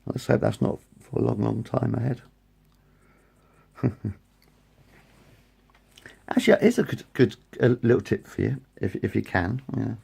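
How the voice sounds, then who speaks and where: Unhurried and often pausing, this man speaks at a medium pitch with fairly even intonation; his voice is gravelly, a little mellow, and breathy at the edges. He's a vlogger in his late forties, rambling casually to his phone's front camera, repeating and correcting himself as his thoughts wander.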